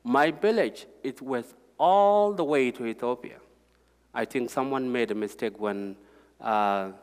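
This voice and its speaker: A man from South Sudan with a mid-range voice gives a personal testimony talk with slides as a guest speaker, and the hall adds heavy reverb. His delivery is halting and plain but heartfelt, with repeated words.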